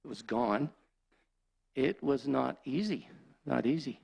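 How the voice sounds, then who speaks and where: A man's voice: medium pitch, animated, takes it slowly, gravelly, darkish tone, breathy edge. An older man, a church deacon, telling his personal testimony in plainspoken, emotional country storytelling.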